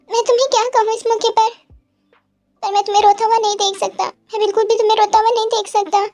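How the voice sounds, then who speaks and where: A woman's voice: extremely high pitch, a little mellow. A woman voicing a loyal young man consoling his crying best friend in an audio story.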